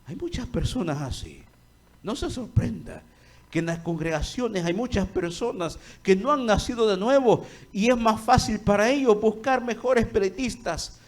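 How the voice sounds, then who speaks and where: A man preaching an impassioned sermon in a church, swinging from loud to hushed. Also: high-pitched, expressive, moderate pace.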